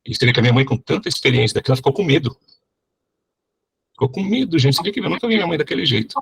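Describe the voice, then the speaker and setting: A middle-aged man telling his testimony in a sermon, animated and often checking in with the crowd. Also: on the high side, rapid-fire, creaky, slightly rough. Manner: animated storyteller, keeps asking the crowd "né?". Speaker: preacher giving testimony.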